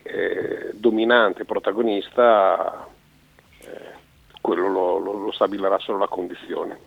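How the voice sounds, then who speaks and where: A man calling into a radio show over a phone line, talking football tactics in a casual, halting way with many fillers. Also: low voice, vocal fry, breathy edge. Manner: thinks aloud with many fillers and restarts. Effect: heard over a phone line. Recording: tinny phone line, dry.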